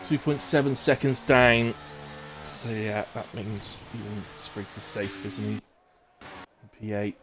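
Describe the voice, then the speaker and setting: A man's voice: lowish voice, little pitch movement, slow, noisy background. A man giving chatty, teasing live commentary on an online race. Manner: teasing, chatty, laughs often. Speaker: sim racing commentator.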